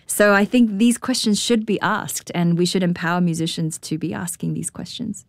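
A woman's voice: on the low side, fairly even intonation, moderate pace, vocal fry, dry recording, studio quality. A woman with a New Zealand accent, a conductor speaking in a radio interview, thoughtful and full of rhetorical questions.

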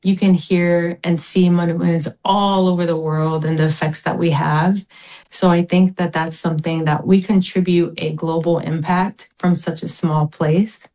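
A woman from American Samoa, an interview guest and community advocate, answering in an earnest, measured way. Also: on the low side, flat delivery, warm tone, rough recording. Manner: earnest, measured, speaks with pride of her home.

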